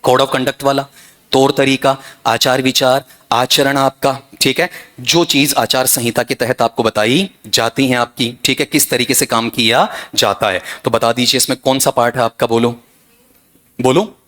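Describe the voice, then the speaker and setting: A man's voice: medium pitch, fairly even intonation, a bit bright. Man quizzing students in a lesson. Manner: reads English sentences slowly. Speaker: teacher. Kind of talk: exam-prep lesson.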